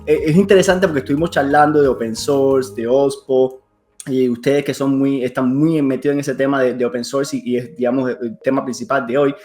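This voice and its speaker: Podcast host dude, rambly, says things twice, throws in english words, mid voice, bit of music under it. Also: male voice, medium pitch, a little mellow. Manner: rambling, repeats words, mixes in English phrases. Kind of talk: casual interview hosting.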